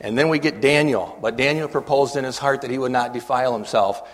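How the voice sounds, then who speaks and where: Earnest older man in a reverberant hall. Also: medium pitch. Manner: earnest, halting, repeats words, asks the audience questions. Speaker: church committee member speaking at a meeting. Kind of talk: earnest talk to an audience.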